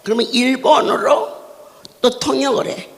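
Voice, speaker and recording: A man preaching a revival sermon as a pastor, telling stories in an animated way and breaking into laughing shouts. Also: extremely high pitch, a little slow. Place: large church hall. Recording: long reverb of a large church hall.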